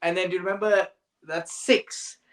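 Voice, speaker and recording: A man's voice: sits high, normal speed. A man co-hosting a cricket quiz in casual chat, telling stories with animation. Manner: animated storytelling, acts out commentators' lines.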